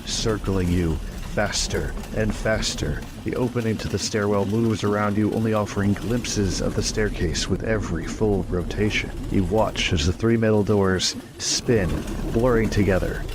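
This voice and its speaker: A man leads a tabletop role-playing game as game master. His voice sits a little low, and he paints each scene in steady, descriptive narration. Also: moderate pace, noisy background.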